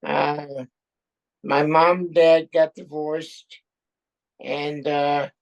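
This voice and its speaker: An Air Force veteran in his seventies, born in Austria and raised in Brooklyn and France, chats casually as an interview guest. His slow, gravelly voice is a little high with little pitch movement, and his speech is halting and hesitant, full of pauses and fillers, on poor audio.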